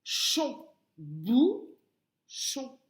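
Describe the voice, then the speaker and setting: A woman teaching a phonics lesson to young children, breaking words into syllables slowly and patiently. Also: fairly high pitch, huge pitch swings, roomy sound. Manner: slow, syllable-by-syllable, patient explaining. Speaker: kindergarten teacher.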